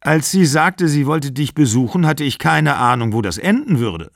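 A man's voice: fairly high pitch, very animated, normal speed, creaky, dry recording, studio quality, pitched above the performer's own voice. A man reading an audiobook, voicing a friendly but surprised father in a hearty, slightly lifted tone.

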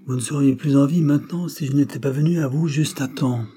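A brisk, self-assured detective, pressing his point with insistent authority, as a man reading the story puts him on. The voice has a husky grain with a darker tone, lifted higher than the narration. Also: warm tone, natural voice. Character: brisk confident male detective.

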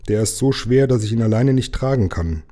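A man's voice: medium pitch, expressive, brisk, dark tone, natural voice. A man reading aloud, voicing an apologetic, slightly plaintive mail carrier in a children's story. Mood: plaintive, polite. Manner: apologetic, anxious.

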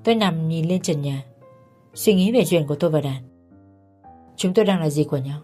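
Lady reading a story aloud, lowish mellow voice, faint music underneath. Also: brisk. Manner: reads all parts in one steady voice. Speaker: audiobook narrator. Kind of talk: scripted story narration with dialogue. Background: faint background music.

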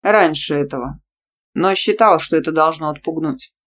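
A woman's voice: sits low, normal speed, a bit bright, a little hiss or hum. A woman voicing a brash, muscular young dragon-shifter man who talks bluntly and teases. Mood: calm. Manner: blunt, teasing.

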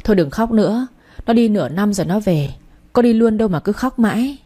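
A woman reading a weary middle-aged mother from a storybook, sighing and scolding, her tone mellow and low-key. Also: lively intonation, a little fast, close to an everyday voice. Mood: chiding.

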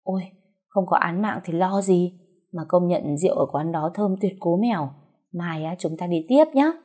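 A woman's voice: lowish voice, moderate pace, slightly rough. A woman voicing a brash, tipsy, scheming young wife who wails theatrically. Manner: loud, theatrical, wheedling wails.

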